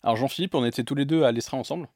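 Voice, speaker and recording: Gravelly, rambling young man. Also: mid-range voice, rapid-fire, darkish tone, no room sound, studio quality. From England. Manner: rambling, long answers. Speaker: guest filmmaker. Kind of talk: casual interview.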